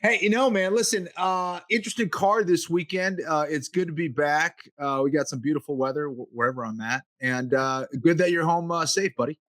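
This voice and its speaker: A man co-hosting a sports podcast, talking in a loose, relaxed way with lots of "you know" fillers. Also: on the high side, fairly quick, few pauses, no room sound, studio quality. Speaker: podcast co-host, fight analyst. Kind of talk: casual sports podcast chat.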